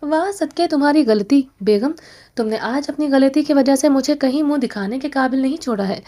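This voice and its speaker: Proud, sulky young husband in a romance audiobook, a woman lowering her voice for him, mock-grumbling and teasing. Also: warm tone, close to an everyday voice.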